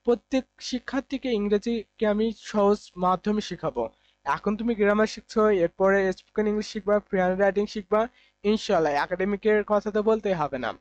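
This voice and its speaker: A man's voice: high voice, a little mellow, no echo, dull audio. Man teaching English grammar. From Bangladesh. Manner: asks questions and answers them himself, repeating key points. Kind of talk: online grammar lesson.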